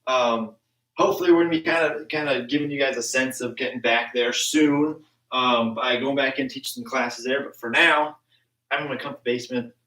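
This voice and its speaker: A man's voice: mid-range voice, fairly even intonation, a little fast, sharp tone. A young man teaching a martial arts class over a live stream from his home basement, talking casually with lots of ums. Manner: casual, chatty, many ums. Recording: echoey room, far from the mic.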